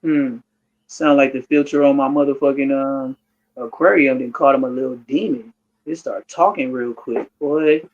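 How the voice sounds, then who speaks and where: A man's voice: mid-range voice, steady tone, moderate pace. A man in his thirties of Haitian background, rambling through a casual, slangy reaction commentary. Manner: rambling, slangy, storytelling with restarts. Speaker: streamer reacting to clips. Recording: dull lo-fi sound.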